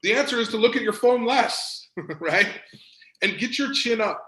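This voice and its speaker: A man coaching an audience on performance in an energetic, emphatic presentation, repeating words for stress. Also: very high-pitched, normal speed, echoey room, low-quality recording. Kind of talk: motivational presentation.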